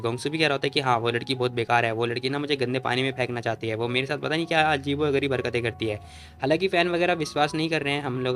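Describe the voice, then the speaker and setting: A man narrating a comic story recap in a rapid, chatty retelling. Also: medium pitch, fairly bright tone.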